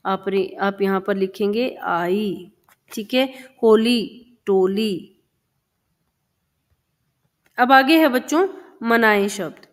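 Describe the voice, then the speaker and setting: A woman's voice: mid-range voice, takes it slowly. A woman teacher explaining a children's textbook lesson, patiently repeating words and sounds for young pupils.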